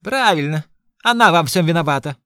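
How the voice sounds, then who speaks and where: A man's voice: high voice, sing-song, a little fast, fairly bright tone, no room sound, studio quality, pitched above the performer's own voice. A man voicing an older aunt who shrieks accusations. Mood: shrieking. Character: elderly aunt, shrill and accusing.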